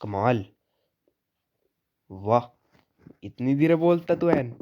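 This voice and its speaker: A man's voice: medium pitch, expressive, very slow, muffled recording, noisy background. A young man doing casual let's-play commentary, chatty, teasing the characters and reading their lines aloud. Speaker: gaming YouTuber.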